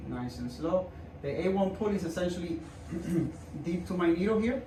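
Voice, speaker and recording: An expressive, higher-pitched male doctor talks at normal speed while performing a hand procedure. His walkthrough for the patient and viewers is laid-back and comforting, with repetition as he demonstrates. The clinic room sounds echoey, and the distant mic picks up background noise.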